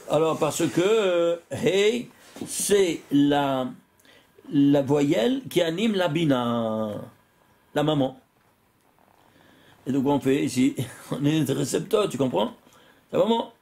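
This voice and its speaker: A rabbi giving a religious lesson, animated, quizzing his listeners with rhetorical questions and often restarting and repeating words. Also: fairly high pitch.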